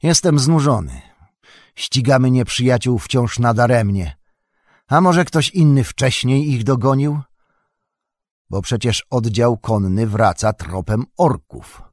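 A man with a husky voice reading the part of a weary, steady human ranger in an audiobook, calm and measured. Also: mid-range voice, no room sound, studio quality. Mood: weary resolve.

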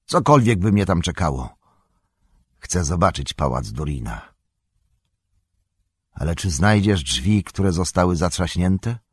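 A loyal dwarf, low husky voice, eager and steady. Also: male voice, a little slow, long pauses, dry recording, clean studio sound, exaggerated voice. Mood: determined. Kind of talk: audiobook character reading.

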